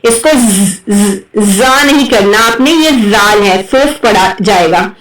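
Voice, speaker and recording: A woman teaching Quran recitation, explaining letter sounds patiently and drawing them out slowly as she models them. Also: mid-range voice, a little hiss or hum. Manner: patient, often checks with "right?", draws out sounds slowly when modelling. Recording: echoey room, voice from a distance.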